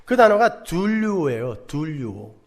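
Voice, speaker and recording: A man preaching a sermon with strong swings in his pitch and level. He speaks in a raised register, punctuates his points with rhetorical questions, and slips into acted-out quotes. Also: very animated, measured pace, a little mellow. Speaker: pastor.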